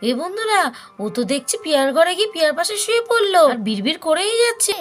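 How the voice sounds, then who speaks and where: A woman's voice: very high voice, big pitch swings, quick pace, soft background music. A woman narrating a children's doll cartoon, chattily addressing the audience as friends. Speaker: storyteller.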